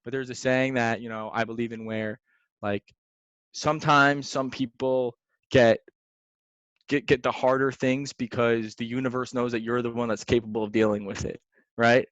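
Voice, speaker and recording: A young man, a real estate investor, telling stories in a casual podcast chat, slangy and lively, calling people "man" and "dude". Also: mid-range voice, normal speed, dry recording. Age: young adult. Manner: animated, slangy, says "man" and "dude" often. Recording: dry, slightly dull sound.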